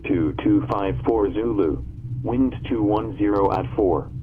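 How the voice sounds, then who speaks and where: A man's voice: on the low side, unhurried. An airport weather broadcast comes through a dull, noisy radio. A man reads the scripted information in clipped, formal phrases with an impersonal delivery. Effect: aviation radio. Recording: dull aviation radio with humming noise.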